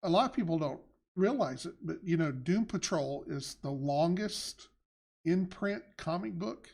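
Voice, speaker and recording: A man's voice: fairly high pitch, expressive, measured pace, creaky, darkish tone. Rambling man hosting a casual live show. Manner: rambling, lots of restarts and fillers. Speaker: game company head and show host. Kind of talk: casual livestream chat.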